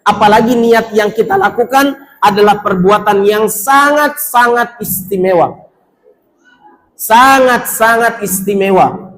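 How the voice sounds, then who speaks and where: A man's voice: high voice, a little slow, a bit bright. A male preacher giving a sermon to pilgrims in a mosque, urging them on, acting out doubting worshippers and chanting Arabic.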